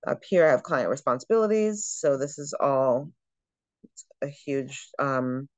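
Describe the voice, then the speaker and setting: A woman who trains travel agents, giving a chatty screen-share walkthrough of software and thinking aloud as she clicks through it. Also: very deep voice, expressive, measured pace, no echo.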